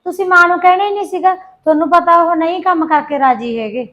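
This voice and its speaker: A woman's voice: very high voice, fast, fairly bright tone. An actress playing a friendly, reassuring young woman who studies law, in a homemade family drama. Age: young adult. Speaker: daughter in a family short film. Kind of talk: amateur family drama acting.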